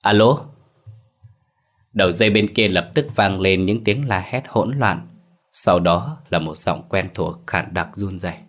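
Deep-voiced male horror storyteller. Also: normal speed, fairly bright tone. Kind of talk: scripted ghost story narration.

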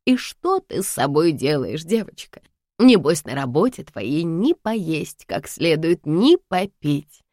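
A fussing, superstitious old housekeeper, voiced by a woman in a storybook reading. She clucks and worries emphatically. The voice sits low and is recorded dry and close. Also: sing-song, slow, warm tone, no room sound, full character voice. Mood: fretting.

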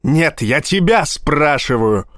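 A man voicing a hot-tempered male police vice-admiral who swears in loud, agitated outbursts. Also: medium pitch, lively intonation, measured pace, dry recording, clean studio sound, natural voice.

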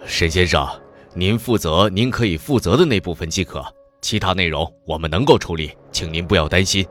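An actor playing a formal, composed department head in an audio drama, coaxing politely in measured, businesslike phrases. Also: male voice, low-pitched, fairly bright tone, a little hiss or hum. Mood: gently formal.

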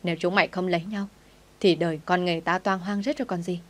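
A woman's voice: fairly low pitch, level tone, fairly quick, close to an everyday voice. Stern scolding mother, read by a woman. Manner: reproachful, scolding. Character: stern aging mother scolding her grown son.

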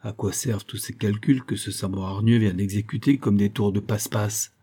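A man's voice: on the low side, steady tone, moderate pace, warm tone, slightly rough. A man voicing a brash, stubborn soldier orderly who talks cheeky and blunt.

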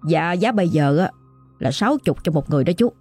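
A woman's voice: fairly low pitch, animated, fast talker, mellow, husky, soft background music. Woman doing a polite young corpse retriever. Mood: wheedling. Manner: deferential, wheedling.

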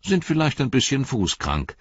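A man voicing a brisk, confident young male hobbit who talks boldly and cheekily. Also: medium pitch, wildly swooping pitch, husky, no room sound, muffled recording, pitched above the performer's own voice. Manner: bold, cheeky.

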